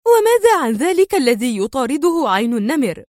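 A woman's voice: on the high side, big pitch swings, fairly quick, darkish tone, dry recording, studio quality. A woman playing a cold, ruthless gang boss. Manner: harsh, stern and cold.

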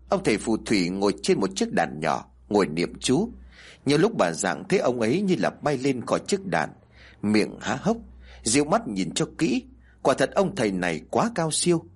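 Husky guy telling a horror story, pretty animated delivery. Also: on the low side. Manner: dramatic, measured storytelling. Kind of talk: scripted horror story narration.

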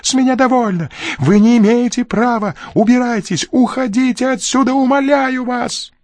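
Man doing a shrill panicky nervous wreck. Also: lively intonation, normal speed, creaky, breathy edge, dry recording, clean studio sound. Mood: hysterical. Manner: shrill, pleading, frantic outbursts.

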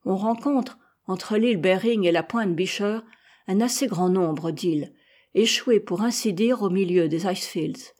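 A woman reading a classic adventure novel aloud in measured, deliberate narration. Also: mid-range voice, a little mellow. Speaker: audiobook reader.

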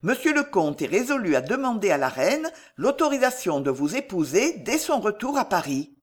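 A woman's voice: mid-range voice, big pitch swings, normal speed. A woman reading a young male chevalier, courteous and reassuring, close to her own voice.

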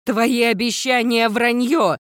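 A reader voicing a desperate, betrayed young woman who shouts in a shrill voice in an audiobook. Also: steady tone, slow, dry recording, clean studio sound. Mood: accusing.

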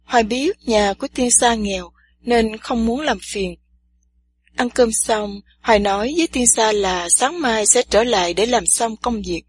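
A woman narrating a story gently and evenly. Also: fairly high pitch, a little slow, slightly rough.

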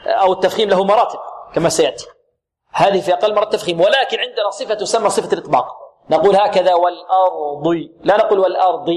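Man teaching tajweed, fairly high voice, asks then answers himself, drags out words to show them. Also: racing. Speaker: Quran recitation teacher. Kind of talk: tajweed lesson with demonstrations.

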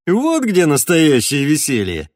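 A man's voice: a little high, wildly swooping pitch, a little slow, dry recording, clean studio sound, voice pushed up. A man voicing a mild, cautious young man in an audiobook, hesitant and bewildered. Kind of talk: audiobook character voice.

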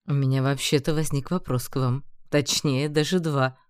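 A woman's voice: a bass voice, fairly even intonation, normal speed, smooth, dry recording, clean studio sound. A woman voicing a composed, mocking man who is master of the house.

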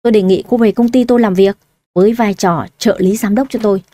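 A woman voicing a young male company director who is calm, scheming and persuasive. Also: mid-range voice, fast talker, no echo, lightly acted.

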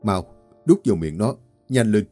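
A man's voice: on the low side, expressive, warm tone, soft background music. A man voicing a stern old exorcist. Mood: urgent. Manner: slow, weighty, authoritative. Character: stern old male folk exorcist, grave and commanding.

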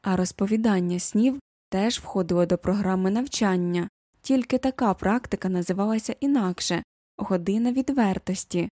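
A woman reading a first-person novel aloud as an audiobook narrator, measured and reflective. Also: mid-range voice, mellow, no room sound, studio quality.

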